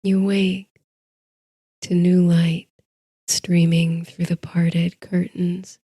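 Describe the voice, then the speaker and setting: Very slow, hushed woman reading bedtime stories. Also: fairly low pitch, vocal fry, breathy edge, no echo. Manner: soft, hushed, soothing delivery with drawn-out pauses. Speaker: sleep story narrator. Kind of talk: scripted bedtime story narration.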